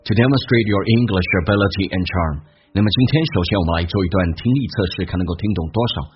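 A man teaching an English listening and pronunciation lesson, explaining quickly and then slowing right down to model sentences. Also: deep voice, highs cut off, noisy background. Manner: switches between quick Mandarin explanation and slow, drawn-out English model sentences.

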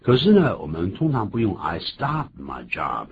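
低沉而抑扬顿挫的男英语老师. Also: male voice, moderate pace, slightly rough, highs cut off. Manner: animated, jumps to high emphatic pitch on key words. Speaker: English teacher, host. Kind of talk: radio English lesson.

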